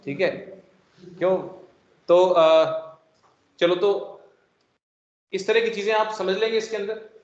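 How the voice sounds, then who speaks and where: A man's voice: sits high, fairly even intonation, slow pace, long pauses. A male chemistry teacher giving a classroom lecture, joking and explaining with everyday classroom analogies. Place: classroom with students present. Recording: echoey classroom, dull lo-fi sound.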